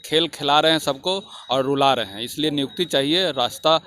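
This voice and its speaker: A man's voice: on the high side, fairly quick, sharp tone. A man at a street protest, blaming and pleading with the authorities.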